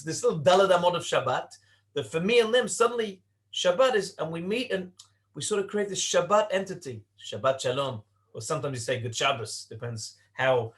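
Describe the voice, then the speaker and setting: A man raised in Britain teaching a Torah class to young adults in a conversational way, asking rhetorical questions and slowing down to stress points. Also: sits high, fairly bright tone. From Britain (born in Leicester, raised in Cardiff).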